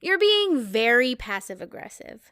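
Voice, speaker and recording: A woman's voice: high voice, big pitch swings, unhurried, a bit bright, clean tone, no echo, clean studio sound, heavily acted. An actress playing a nervous, giggly young woman who is hiding a secret. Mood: flustered. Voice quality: giggly, flustered. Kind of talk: audio drama acting.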